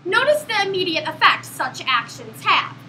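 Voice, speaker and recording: A woman performing a comedy skit, narrating mock instructions with a brisk delivery. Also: extremely high pitch, sing-song, sharp tone, a little hiss or hum, rough recording. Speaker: student performer.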